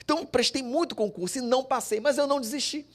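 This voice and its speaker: A Brazilian father speaks very quickly in a very high voice, giving an emotional personal testimony at a public forum. As he tells the story, he acts out the voices of his family members.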